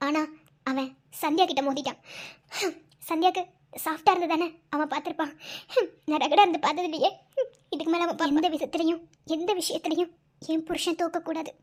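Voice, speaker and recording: A woman's voice: extremely high pitch, steady tone, a little fast, long pauses. A woman voicing a devoted, fierce young wife in an amateur cartoon, with a Madurai Tamil accent and a soothing, coaxing way of talking. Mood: reassuring firm.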